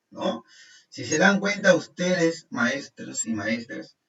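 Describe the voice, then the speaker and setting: A man teaching a workshop, explaining step by step, reading criteria aloud and often asking listeners to confirm. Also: a little high. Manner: explains step by step, frequent tag questions, reads criteria aloud. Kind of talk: live online workshop instruction. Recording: roomy, distant, dull sound with faint music.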